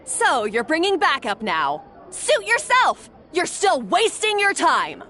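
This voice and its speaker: Game role: bossy, haughty head chef, extremely high, sharp, snapping delivery. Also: female voice, huge pitch swings, takes it slowly, soft background music, heavily acted. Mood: scornful, irritated. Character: harsh, domineering female head chef. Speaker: game voice actor. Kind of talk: animated game voice acting.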